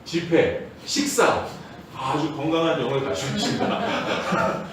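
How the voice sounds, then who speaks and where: A male pastor giving a Sunday sermon, telling stories in a lively way and sometimes acting out loud, shouted prayers. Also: a little high, measured pace, heavy reverb, far from the mic, a little hiss or hum, low-quality recording. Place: church sanctuary.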